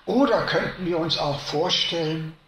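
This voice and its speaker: A man preaching a sermon to a congregation, slow and emphatic, rising to loud stresses and dropping to hushed lines. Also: fairly high pitch, reverberant, a little hiss or hum.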